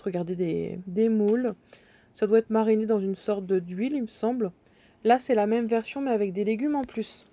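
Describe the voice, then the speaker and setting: A woman's voice: on the high side, warm tone, no echo. A woman casually walking through supermarket aisles, chatting and thinking aloud as she points out deals, with frequent hesitations. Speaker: bargain-hunting vlogger.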